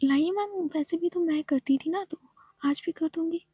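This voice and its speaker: A woman voicing an eager, flattering young female nurse in a whispered role-play. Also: very high voice, normal speed, dry recording. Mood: fawning.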